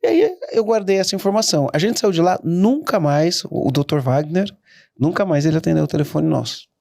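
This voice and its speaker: Animated businessman telling stories. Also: on the high side, brisk, vocal fry, no echo, studio quality. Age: middle-aged. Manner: animated, anecdotal, frequent restarts. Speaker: guest entrepreneur. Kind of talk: casual interview storytelling.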